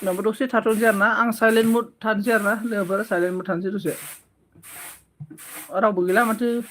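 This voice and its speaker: A man with a Bodo accent and Bodo as his first language hosts a casual livestream, reading out viewer comments slowly and haltingly, with many fillers and repeated thanks. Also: high voice, steady tone, fairly bright tone, a little hiss or hum. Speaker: livestream host.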